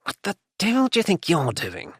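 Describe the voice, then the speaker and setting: A man voicing an exasperated young gentleman who speaks in a dry, mocking, clipped way. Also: mid-range voice, very animated, a little slow, vocal fry, slightly rough, dry recording, heavily acted. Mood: hissing. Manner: sardonic, clipped.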